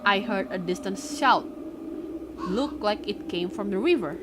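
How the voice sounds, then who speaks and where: Over game music and a noisy background, a young streamer whose first language is Indonesian reads a visual novel with dramatic flair. Her voice sits in the mid-range and moves a little slowly, and she often pauses for excited reactions and greetings to her chat.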